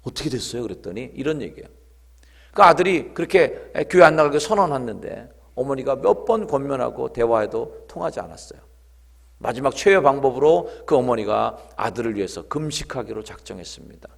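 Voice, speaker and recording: A man's voice: mid-range voice, lively intonation, a little fast, vocal fry. A middle-aged man, a pastor preaching at a revival meeting, telling stories and making emphatic appeals. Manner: emphatic storytelling, rising to impassioned appeals. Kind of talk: revival sermon.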